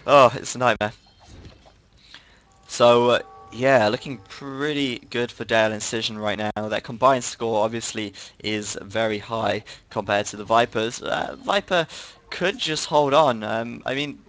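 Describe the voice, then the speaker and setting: A man's voice: mid-range voice, measured pace, fairly bright tone, poor audio. A tired man giving live play-by-play commentary on a strategy game, with frequent fillers. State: tired, yawning.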